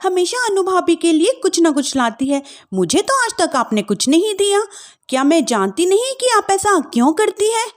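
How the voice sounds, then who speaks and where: Lady doing a feisty young daughter in law, really high voice, family drama story. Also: very animated, moderate pace. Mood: indignant. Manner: indignant, sharp back-talk. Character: defiant, hot-tempered young daughter-in-law.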